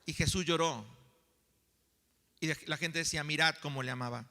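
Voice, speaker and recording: A man preaching a sermon as pastor, building emphasis and slowing down for dramatic pauses. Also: on the high side, sharp tone. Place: church. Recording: long reverb of a church hall.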